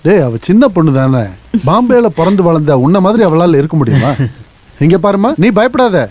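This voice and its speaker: A middle-aged actor playing a sensible relative who gently admonishes in a film drama. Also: male voice, sits high, lively intonation, fairly quick, no echo. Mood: admonishing. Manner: mild, admonishing.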